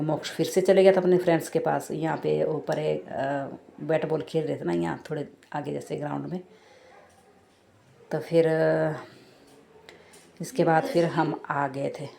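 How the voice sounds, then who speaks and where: Woman in her thirties, low gravelly voice, casual family vlog over noisy outdoor phone audio. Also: dark tone. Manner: chatty, retells conversations with her children. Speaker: vlogger. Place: outdoor play area with rides.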